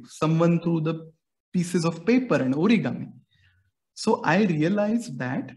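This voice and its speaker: A young Indian music educator answers interview questions in Indian-accented English, with Marathi as his first language. His voice is darkish and a bit higher than most men's, and he explains patiently through everyday comparisons, like a teacher guiding a student.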